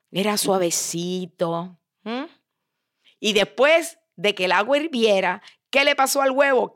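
A woman voicing a wise, patient father who is a chef, speaking calmly and instructively. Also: mid-range voice, no room sound, clean studio sound, close to an everyday voice. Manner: calm, instructive.

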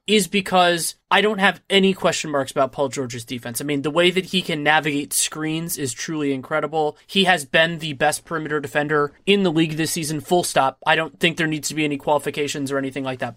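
A man's voice: a little high, fairly bright tone, dry recording, studio quality. A man co-hosting a sports podcast, giving emphatic, opinionated analysis in a conversational style.

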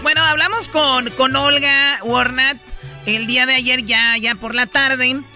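A man hosts a radio show and introduces an interview clip in a relaxed, chatty way. His voice is extremely high and very sharp and bright, with faint music behind it. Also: unhurried. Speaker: radio host.

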